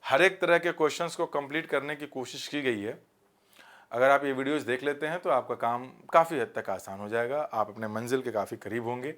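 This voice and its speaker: A man's voice: mid-range voice, fairly bright tone. Hindi-speaking male grammar teacher. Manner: explains in Hindi mixed with English, reads examples slowly. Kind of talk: exam-prep grammar lesson.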